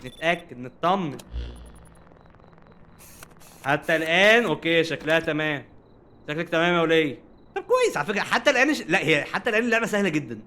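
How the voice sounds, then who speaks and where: A young man speaks with an Egyptian Arabic accent in casual let's-play commentary. His delivery is rapid and his tone bright and sharp, pitched a little high. He jokes and talks straight at the game's characters. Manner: animated, jokey, talks to game characters. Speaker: gaming streamer.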